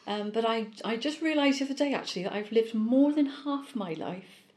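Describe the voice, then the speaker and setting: A middle-aged woman from Bristol with a West Country accent softened by South Wales, talking chattily in an interview with frequent restarts and rolled R's. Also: a little high, brisk. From Bristol, England. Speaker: politician, interview guest. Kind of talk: conversational interview.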